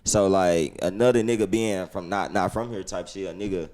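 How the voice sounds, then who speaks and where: Rambling man, low voice. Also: moderate pace, a little mellow. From Memphis, USA. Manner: rambling, filler-heavy, emphatic. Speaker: DJ, roundtable guest. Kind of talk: casual roundtable chat.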